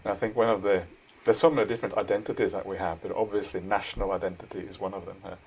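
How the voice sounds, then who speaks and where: Low-voiced monk. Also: male voice, steady tone, very fast, gravelly, slightly rough, poor audio. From Norway. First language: Norwegian. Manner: thoughtful, frequent "uh" and "yeah", soft laughs. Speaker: Buddhist monk. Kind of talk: reflective interview answers. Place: monastery.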